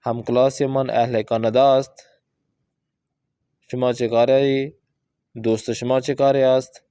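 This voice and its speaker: A man teaching a Persian course, explaining exercises and reading example sentences out slowly and carefully. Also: mid-range voice, flat delivery, warm tone, clear, resonant tone, dry recording, studio quality. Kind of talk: language lesson explaining book exercises.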